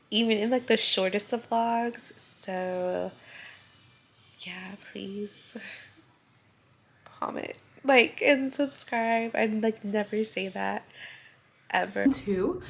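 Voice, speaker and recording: With a mid-range voice and slight background noise, a young woman vlogs about books in a rambling, chatty way, dropping "like" constantly. She sounds congested and stuffy.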